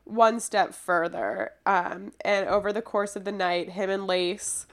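A woman's voice: mid-range voice, steady tone, unhurried. A woman podcast co-host with a nasal, stuffed-up voice from a cold, chatting in an informal, slangy way about pop culture. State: congested with a cold. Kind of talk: casual pop culture chat.

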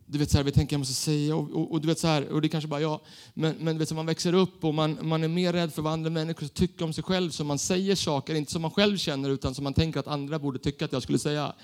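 Male preacher, fairly high voice, lively self-mocking storytelling sermon. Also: few pauses.

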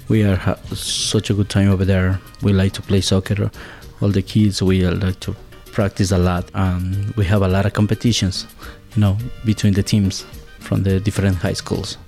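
Gravelly low-voiced Ecuadorian man. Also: a little mellow. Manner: halting, searching for words, second-language English. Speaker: guest, builder and former chef. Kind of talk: conversational interview.

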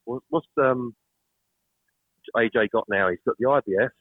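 A man's voice: medium pitch, moderate pace, dry recording. Breathless man on a dull phone line. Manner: talks while walking through an airport. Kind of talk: casual podcast chat.

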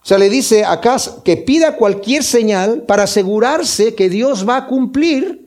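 A man's voice: sits high, animated, darkish tone. A man preaching a sermon, explaining a scripture passage step by step and asking his listeners questions as he goes. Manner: explains step by step, pausing to ask the congregation.

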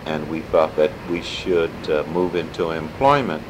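An older man reminiscing in a halting, deliberate way, pausing often as he is interviewed for an oral history. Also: expressive. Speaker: interviewee, civil rights activist. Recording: noisy tape with low rumbling hum.

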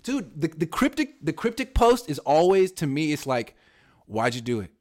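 Thirties male co-host, emphatic, wry sports banter with a lively, swinging pitch. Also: normal speed. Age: 30s. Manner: emphatic, wry, quotes people in mock voices. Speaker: podcast co-host. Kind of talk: casual sports talk.

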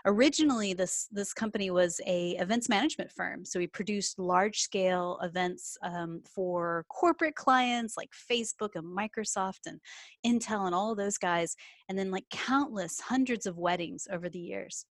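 A small business owner and coach from Texas, speaking with a Texan accent, chats upbeat about her business in a casual interview, full of fillers. She's working remotely from home. Her medium-pitched voice keeps a moderate pace on a dry, clean studio recording.

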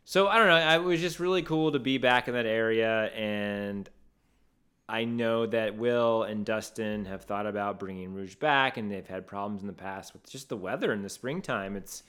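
A man's voice: on the low side, moderate pace, fairly bright tone, clean tone. Casual man swearing loosely on a podcast. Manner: loose and profane, many fillers. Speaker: podcast host. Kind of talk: casual chat.

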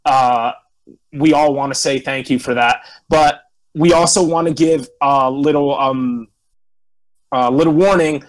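A man's voice: mid-range voice, fairly even intonation, measured pace, low-quality recording. A young man hosting and moderating a podcast in a casual, conversational way.

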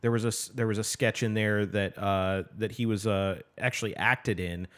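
A man's voice: fairly low pitch, steady tone, moderate pace, a bit bright. A man co-hosting a casual book podcast, rambling with lots of fillers and restarts. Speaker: podcast co-host.

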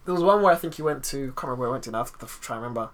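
A man's voice: medium pitch, lively intonation, rapid-fire. A man with a London roadman accent chatting casually about films as a podcast co-host, using heavy street slang. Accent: London, urban street.

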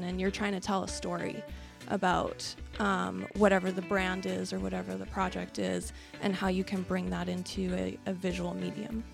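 A young woman with a Canadian accent and a creaky voice, talking casually as an interview guest. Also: medium pitch. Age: young adult. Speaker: podcast guest, freelance designer. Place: studio, in person.

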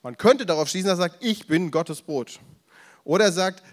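A man preaching to a young crowd in an animated, storytelling way, his voice sitting a little high for a man. He slips into slangy asides and acts out the crowd's shouted questions. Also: moderate pace. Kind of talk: casual youth sermon. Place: event room with audience, drinking beer.

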